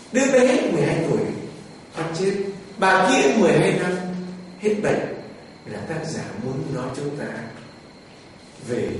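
High-voiced priest in a booming church. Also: male voice, darkish tone, slight background noise. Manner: dramatic storytelling, acting out Bible scenes. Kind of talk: sermon. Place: large church. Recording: echoey church hall, distant mic, faint ambience.

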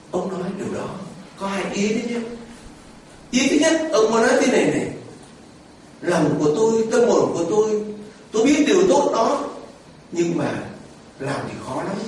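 A man's voice: high voice, distant mic, slight background noise. A man preaching a sermon to his congregation, quizzing listeners and mimicking people as he talks. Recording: echoey church picked up from afar.

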